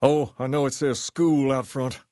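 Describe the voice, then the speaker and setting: Man acting as folksy male gang boss, rock-and-roll idol type, Southern US accent, mid-pitched, self-assured, measured, video game character, dry sound. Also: fairly even intonation, warm tone, dry recording, lightly acted. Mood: relaxed, folksy.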